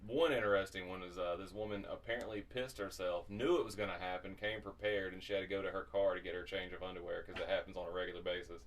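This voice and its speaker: A man telling stories as a guest in a casual podcast chat, relaxed and cursing casually. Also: low-pitched, quick pace, hardly any pauses, recorded from a distance, a little hiss or hum. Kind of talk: casual storytelling.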